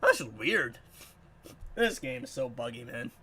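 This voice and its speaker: A young gaming YouTuber, congested and nasal, chats casually while commenting on his own gameplay. He sounds animated, puzzled and rambling, with a mid-range voice that is a little slow and has a breathy edge.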